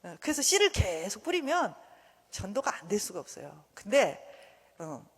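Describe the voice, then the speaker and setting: Speaking at a normal speed, this woman has a mid-range voice with a breathy edge. She delivers a church seminar lecture animatedly, acting out quoted bits of dialogue. The recording carries a long hall reverb.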